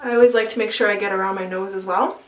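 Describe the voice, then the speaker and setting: A woman chats her way through a makeup tutorial, relaxed and explanatory, pausing with small fillers as she works. Her voice sits at a middle pitch. It is recorded in an echoey room from a little distance off the mic. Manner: chatty, explains while applying, with fillers. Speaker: makeup vlogger.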